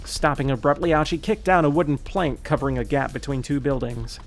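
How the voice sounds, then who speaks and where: A male gaming streamer reading a visual novel's narration aloud, with a steady voice and the odd slip he corrects. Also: fairly high pitch, fairly quick, soft background music. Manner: steady narrating read with occasional slips and self-corrections.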